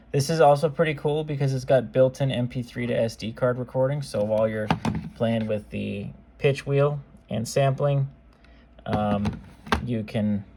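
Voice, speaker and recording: With a medium-pitched, mellow voice, a man shows off modified cassette players he's selling, chatting informally and offhandedly throughout the demonstration.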